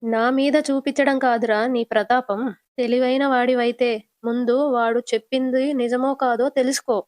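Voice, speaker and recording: A woman's voice: on the high side, fairly even intonation, moderate pace, darkish tone, dry recording, studio quality, close to an everyday voice. A woman voicing an arrogant older businessman uncle who brushes off accusations with contempt. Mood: scornful. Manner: contemptuous and dismissive.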